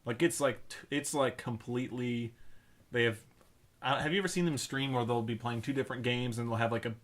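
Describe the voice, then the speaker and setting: A man's voice: medium pitch, a little fast. A young man co-hosting a podcast, chatting in an enthusiastic, rambling way with many fillers. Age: young adult. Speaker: podcast co-host. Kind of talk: casual chat.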